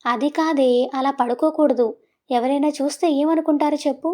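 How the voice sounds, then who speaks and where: An exasperated young man in a romantic audio story scolds and pushes back, flustered and irritable, as a woman narrator puts him on. The voice sits high and mellow. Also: fairly even intonation, moderate pace. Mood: flustered scolding. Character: exasperated young man fending off his cousin. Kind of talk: storybook voice acting.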